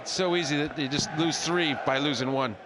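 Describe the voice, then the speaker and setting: A man with a slightly raised pitch gives analytical live darts commentary. The crowd is clearly audible behind him, along with general arena noise. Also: brisk.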